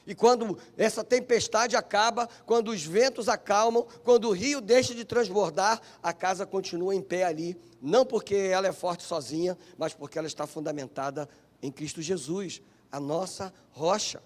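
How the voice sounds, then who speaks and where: A man with a Brazilian Portuguese accent, a pastor preaching a sermon in church with fervent, repetitive emphasis and drawn-out phrases. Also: sits high.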